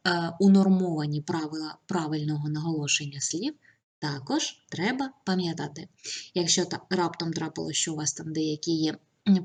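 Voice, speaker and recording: A woman teacher giving an online grammar lesson to pupils, speaking clearly and patiently with instructions. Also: lowish voice.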